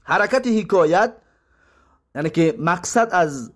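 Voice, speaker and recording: A man with a Tajik accent teaching Arabic grammar, reading terms slowly and then explaining them. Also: high voice, lively intonation, a bit bright. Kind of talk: grammar lesson.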